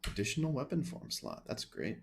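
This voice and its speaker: A gaming streamer with a mid-range, gravelly voice plays a video game for the first time, his pitch swooping wildly as he talks a little fast over a noisy background. In casual let's-play style, he chats with viewers, thinks aloud, and mutters the menu text he reads on screen.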